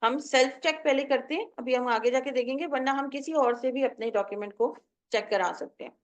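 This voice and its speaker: High-voiced woman lecturing a class. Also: a little fast. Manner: explanatory, repeats points, code-switches often. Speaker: college English lecturer. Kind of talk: classroom lecture mixing Urdu and English. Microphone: lecture recording to class and online students.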